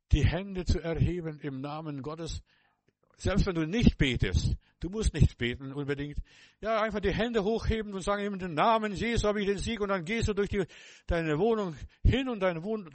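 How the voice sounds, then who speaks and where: A man's voice: on the high side, no room sound. An older man preaching a sermon, fervent and repetitive, speaking straight to the listener with many restarts.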